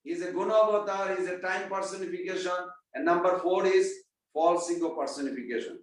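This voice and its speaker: Man, scripture class speaker, slightly high voice, far from the mic, very echoey room. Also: fairly even intonation, quick pace. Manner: conversational, quizzes the audience; chants verses in Sanskrit.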